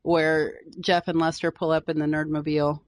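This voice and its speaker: A woman's voice: sits low, flat delivery, moderate pace. A woman interviewing an actor in a chatty, enthusiastic way. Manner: chatty, enthusiastic fan questions. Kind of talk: casual interview chat.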